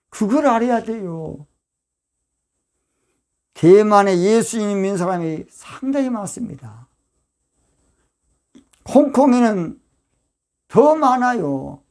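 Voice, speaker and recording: An older pastor with a Jeolla accent delivers a sermon in a fiery, emphatic manner. His voice sits high for a man and leaps into loud, sharp bursts. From Yeosu, Jeolla province, South Korea.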